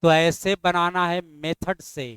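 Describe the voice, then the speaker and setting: Man, math teacher, quizzing and mildly scolding, clear resonant voice. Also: sits high, little pitch movement, slow pace, fairly bright tone, dry recording. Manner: drills students with constant questions, mildly scolding. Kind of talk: classroom math lesson.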